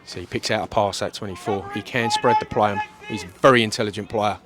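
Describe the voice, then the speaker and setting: A man's voice: on the low side, quick pace, heavy background noise. A middle-aged man, casually commentating a local football match and bantering with his co-commentator outdoors. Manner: chatty, jokey banter with co-commentator.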